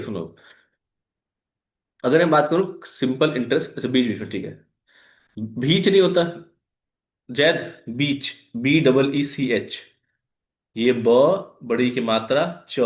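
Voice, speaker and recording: A man's voice: mid-range voice, expressive, measured pace, long pauses. Indian man tutoring maths in an echoey room. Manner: explains step by step, asks students questions, mixes in English. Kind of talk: live online class lecture.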